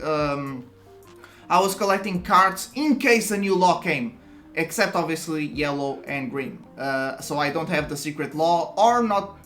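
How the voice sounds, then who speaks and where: A card game content creator with a Portuguese accent chats casually to camera, explaining a game with light chuckles and frequent sentence restarts. Her voice is mid-range with a fairly bright tone.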